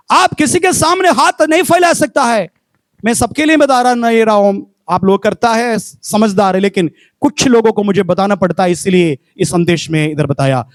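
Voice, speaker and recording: Man, pastor, sermon, high-pitched, dry, animated and exhorting. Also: dry recording. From Kerala, India. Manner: animated storytelling that rises to fervent exhortation.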